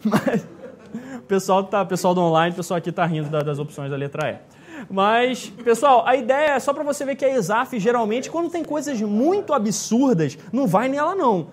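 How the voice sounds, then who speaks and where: A man's voice: sits high, expressive, moderate pace. A man teaching a live exam-prep class, chatty and jokey, often checking in with his students.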